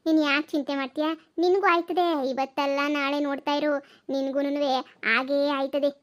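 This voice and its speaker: A woman voicing chatty village women in a cartoon comedy, in a rapid, gossipy, exclaiming manner. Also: sits high, level tone, lightly acted.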